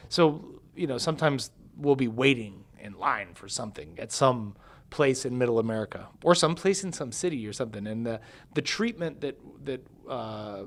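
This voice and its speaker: Earnest male musician telling a story. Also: mid-range voice. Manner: earnest, recounting and translating. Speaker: musician guest and interpreter. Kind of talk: conversational interview.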